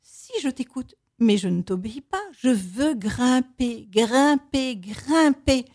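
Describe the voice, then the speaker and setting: A woman reading aloud and voicing a male elephant who scolds himself, switching between shrill scolding and muttered defiance. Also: big pitch swings, moderate pace, mellow. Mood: defiant.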